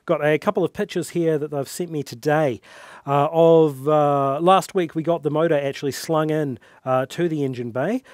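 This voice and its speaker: A man, hosting a casual company update in a relaxed way, with lots of "uh" fillers, on a headset mic. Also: medium pitch, no echo, studio quality. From New Zealand. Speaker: host. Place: studio workshop set, then at a desk.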